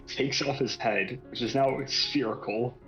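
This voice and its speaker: A man's voice: mid-range voice, a little slow, over music. A man playing in a tabletop game, describing his character's silly bits in an easygoing way, over a muffled mic. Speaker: player. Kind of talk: casual tabletop chat.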